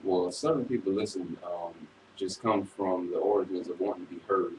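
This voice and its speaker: A man in his twenties from Florida, a rapper answering interview questions in a measured, thoughtful way. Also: deep voice, steady tone. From Florida, USA. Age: 20s. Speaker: rapper, guest. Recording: echoey room from far off, clear noise.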